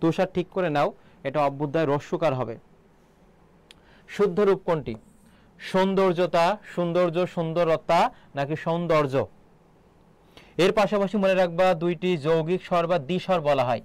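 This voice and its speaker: Man teacher with a Bangladeshi Bengali accent, fairly high and smooth, drills students with questions. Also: moderate pace, long pauses, a little mellow, no room sound. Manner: quizzing students with questions and repeating answers. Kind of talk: live online exam-prep class.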